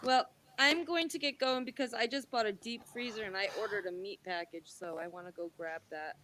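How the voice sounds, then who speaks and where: A woman's voice: mid-range voice, brisk, slight background noise. A woman in her late forties chatting casually on a live stream, talking openly about her work and signing off with blessings. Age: 40s. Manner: open and talkative, warm sign-off with blessings. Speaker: guest caller. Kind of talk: casual chat.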